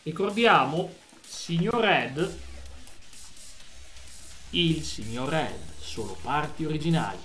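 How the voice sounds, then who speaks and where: A man's voice: fairly high pitch, lively intonation, takes it slowly, long pauses, fairly bright tone, roomy sound, soft background music. Jokey man streaming a game. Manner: jokey, playful, talks to chat and friends. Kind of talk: live gameplay stream chat.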